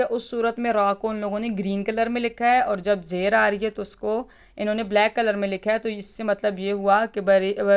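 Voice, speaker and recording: Crisp-voiced woman teaching recitation. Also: medium pitch. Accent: Pakistani Urdu. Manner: slow, emphatic syllable drills with patient explanations. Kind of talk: step-by-step lesson, drilling syllables.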